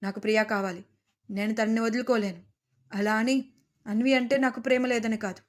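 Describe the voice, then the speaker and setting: A woman's voice: a little high, fairly even intonation, brisk, natural voice. A woman reading the lines of a stubborn young husband in an audio story. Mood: defiant. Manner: stubborn, insistent. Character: defiant young husband torn between wife and lover.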